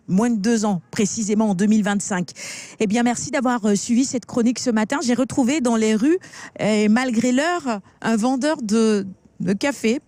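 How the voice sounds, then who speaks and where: A woman field reporter presenting a street chronicle outdoors, chatting and asking lively questions. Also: on the high side.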